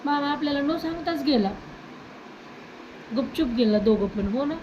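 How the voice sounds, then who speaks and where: A woman gently coaxing and questioning a small child at home. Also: high voice, expressive, moderate pace, highs cut off, background noise. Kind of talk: talking softly to a small child.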